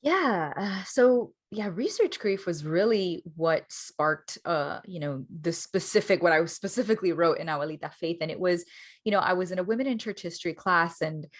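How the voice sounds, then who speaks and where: A woman's voice: on the low side, lively intonation, normal speed. A young woman from Miami, an author talking reflectively over a video call, with many fillers and restarts. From Miami, Florida (Cuban American). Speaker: author and guest. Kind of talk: casual conversational interview.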